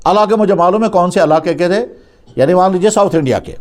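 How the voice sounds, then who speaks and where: A man with a high-pitched voice delivers a storytelling sermon. He retells the story in an easy spoken way and restarts his sentences as he goes. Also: a little mellow. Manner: retells a story, acting out its dialogue; speaks with conversational restarts. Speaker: preacher.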